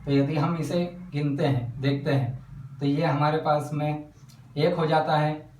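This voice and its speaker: A man teaching a lesson on counting syllables in verse, speaking slowly and breaking words into syllables as he writes them out. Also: a little high, fairly even intonation, darkish tone, roomy sound, distant mic, slight background noise, poor audio. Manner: slow, spells out syllables while writing. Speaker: Hindi poetry teacher. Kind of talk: whiteboard lesson.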